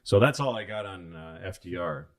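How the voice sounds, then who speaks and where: A man co-hosting a podcast, telling history stories in a rambling, profane, animated way. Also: fairly low pitch, moderate pace, creaky. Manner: rambling, profane, animated storytelling with many restarts. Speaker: podcast co-host. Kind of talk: casual storytelling chat.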